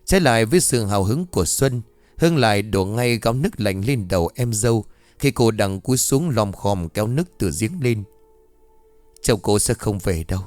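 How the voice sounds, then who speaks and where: A man tells a ghost story in a dramatic reading, his pitch rising and falling with each turn. The recording is dry and close, with faint music under the voice. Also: lively intonation, brisk, darkish tone, dry recording. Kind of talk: scripted ghost story narration.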